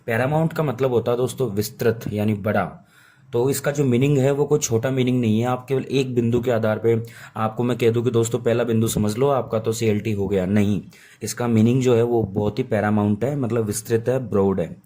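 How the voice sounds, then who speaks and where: A man who is unwell teaching an exam prep lesson in Hindi, slowly reading English terms aloud and repeating key points. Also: mid-range voice, fairly even intonation, dark tone. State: unwell, voice sounds off.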